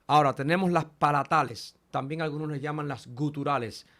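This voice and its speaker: A man's voice: fairly high pitch, fairly quick, a bit bright. A man teaching a Greek lesson, modeling each letter's sound aloud and speaking directly to his students. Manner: addresses students directly, repeats key points. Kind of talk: online language lesson.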